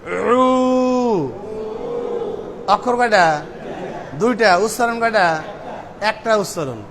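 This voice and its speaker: A male Quran teacher drilling pronunciation with a class, drawing out syllables slowly, then explaining quickly, and chanting the verses. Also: high voice, noisy background. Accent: Bangladeshi Bengali.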